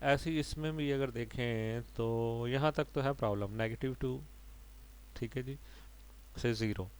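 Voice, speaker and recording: A man's voice: mid-range voice, measured pace, a little mellow, smooth, low-quality recording. Man giving a patient maths lecture. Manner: explains step by step, mixing English terms and often adding "ठीक है जी".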